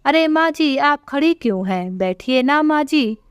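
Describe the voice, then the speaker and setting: A scheming young daughter-in-law with a sharp, taunting tongue, voiced slowly in a high register by a woman narrator. It is a storybook figure in a close, dry recording. The delivery is deliberate and unhurried. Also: lively intonation, no echo. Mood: sugary.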